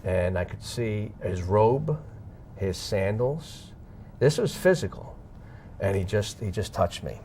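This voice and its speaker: A man sharing a personal testimony as an interview guest, speaking dramatically and swinging between hushed and loud passages while acting out the dialogue he recalls. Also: on the low side, very animated, takes it slowly, slight background noise. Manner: acts out dialogue in his retelling. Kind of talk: emotional storytelling.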